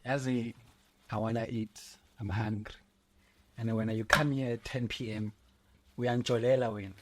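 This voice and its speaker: A man's voice: mid-range voice, little pitch movement, normal speed, heavy background noise, voice pushed down, close to an everyday voice. A man improvising as a lazy, demanding husband who waits at home for dinner, speaking with a South African accent. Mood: grumbling. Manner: grumbling, improvised mix of English and local languages.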